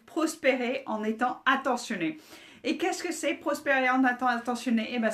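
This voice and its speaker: A woman with a French accent hosting a casual business talk, chatty, with many hesitations and restarts. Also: on the high side. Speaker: host.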